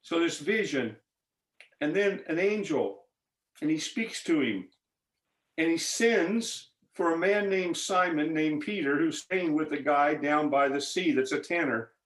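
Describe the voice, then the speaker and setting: A fervent man preaches over a video call in a somewhat high voice. He urges his listeners on, swinging from loud exhortation to hushed intensity. The room around him rings with echo. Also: unhurried. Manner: fervent, rising to loud exhortation, then dropping to intense quiet urging.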